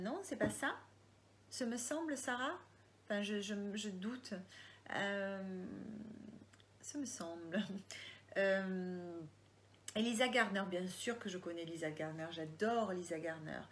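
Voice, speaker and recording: An author with a Marseille French accent answers viewers' questions in a casual live session, speaking in a mid-range voice at a measured pace over slight background noise. She reads comments aloud and often hesitates and starts over.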